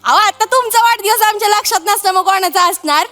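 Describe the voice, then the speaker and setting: A woman's voice: very high voice, brisk, pushed and bright, faint music behind. An actress playing a chatty grown daughter visiting her parents in a stage comedy sketch. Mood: coaxing.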